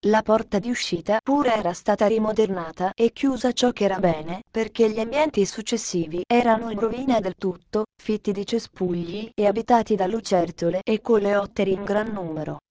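A woman reading a children's story aloud in a calm, measured narration. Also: medium pitch.

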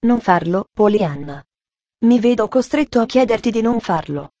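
A gentle, serious male country doctor speaks quietly and with some hesitation, read by a woman without lowering her voice much. The tone is mellow, the sound close and dry. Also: animated, moderate pace, dry recording, dull audio, natural voice. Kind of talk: audiobook reading.

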